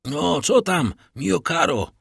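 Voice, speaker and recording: Scared chubby banker guy muttering to himself, husky voice with some lift, a man doing him. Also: a little high, expressive, takes it slowly, fairly bright tone, no echo, studio quality, pitched above the performer's own voice, heavily acted. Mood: questioning. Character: frightened portly middle-aged male banker.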